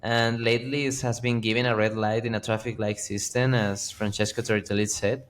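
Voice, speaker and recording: A man's voice: lowish voice, level tone, a little fast, slight background noise. Earnest male physiotherapist podcast co-host. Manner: earnest, cites sources with frequent restarts. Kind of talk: conversational podcast discussion.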